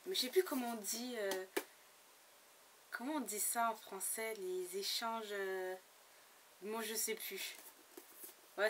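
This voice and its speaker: A woman chatting casually about books she bought, hesitant and full of fillers and restarts. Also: medium pitch. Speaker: book blogger. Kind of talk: casual book haul vlog. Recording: slightly distant mic with faint background noise.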